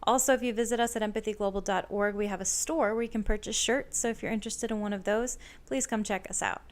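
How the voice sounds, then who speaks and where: A woman hosting a podcast, speaking in a steady, even manner as she introduces the show and her guests. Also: mid-range voice, quick pace. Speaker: podcast host.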